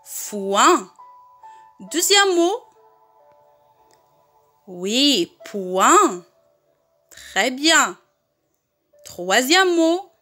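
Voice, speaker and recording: A woman teaching a reading lesson to young children, saying words slowly and deliberately and having the class repeat them. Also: high-pitched, sing-song, bright, forceful tone, soft background music. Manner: slow, deliberate, repeats words for pupils to echo. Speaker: primary school teacher.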